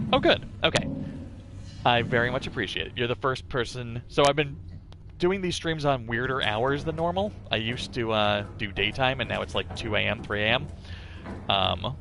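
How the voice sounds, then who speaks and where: A man's voice: medium pitch, vocal fry, background noise. A man doing casual live game-stream commentary, chatting and thinking aloud as he plays. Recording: music behind the voice. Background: music.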